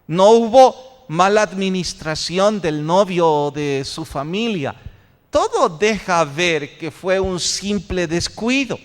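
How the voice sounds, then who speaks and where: A man's voice: high voice, lively intonation, takes it slowly. A man preaching a sermon as pastor, posing rhetorical questions to his congregation. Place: church sanctuary. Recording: long church reverb.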